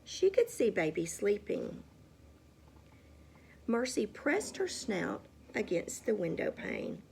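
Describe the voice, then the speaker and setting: A woman's voice: medium pitch, big pitch swings, slow pace, vocal fry, darkish tone, slight background noise. A woman reading a storybook aloud to a child at home, with chatty asides and questions. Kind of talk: casual storytime read-aloud.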